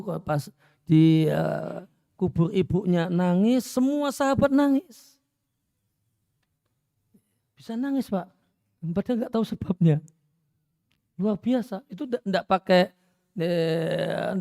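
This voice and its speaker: A man preaching a religious study lecture in a conversational way, repeating phrases, dropping in Arabic, and often pausing on "ya". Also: high voice, creaky, dark tone, no echo, studio quality. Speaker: Islamic preacher.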